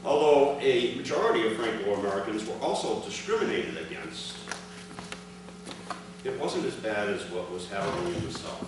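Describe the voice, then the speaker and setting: A man with a low-leaning voice delivers a formal speech read aloud at a ceremony, sharing his father's prepared account with a gathering. The large indoor room is very echoey, and the distant mic adds noise.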